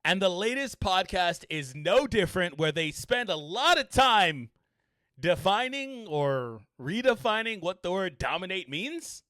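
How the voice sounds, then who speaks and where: A man with a high, bright voice talks through a casual sports commentary vlog. He chats with the viewer and slips in wry asides. The sound is dry and close. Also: sing-song, unhurried, dry recording.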